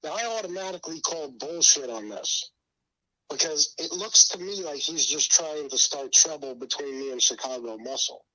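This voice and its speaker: A man's voice: on the high side, normal speed, bright, forceful tone, low-quality recording. A middle-aged man calling in over a speakerphone, blunt and profane, his mouth numb from the dentist. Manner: blunt and profane, repeating himself. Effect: heard over a speakerphone. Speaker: caller. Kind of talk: casual call-in chat.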